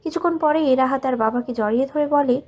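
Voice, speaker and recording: Soft-voiced woman narrating a love story. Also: high voice. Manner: soft, measured, emotional storytelling.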